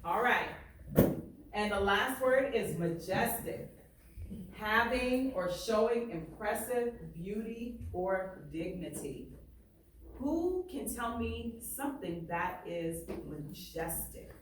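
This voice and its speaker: With a medium pitch and lively intonation, a woman reads a story slowly and emphatically to her class, regularly checking in with the pupils through questions. The mic is set back in a reverberant classroom, leaving faint noise on the recording.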